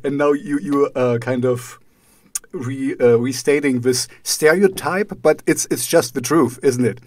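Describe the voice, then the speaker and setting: A man's voice: mid-range voice, a little slow, a little mellow. A man whose first language is not English, hosting an interview and stumbling over his words. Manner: hesitant, stumbles and repeats words. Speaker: podcast host. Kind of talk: casual interview questions.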